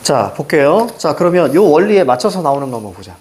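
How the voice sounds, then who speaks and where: A middle-aged man teaching Korean literature for exams, lecturing in a lively way and firing quick questions at his students. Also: fairly high pitch. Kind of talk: exam-prep lecture.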